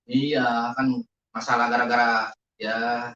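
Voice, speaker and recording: A man, a blind evangelist pastor, gives his testimony in an interview, acting out past arguments with lively storytelling. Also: medium pitch, takes it slowly, a little hiss or hum. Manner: animated storytelling, acts out quoted exchanges. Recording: distant, echoey, muffled.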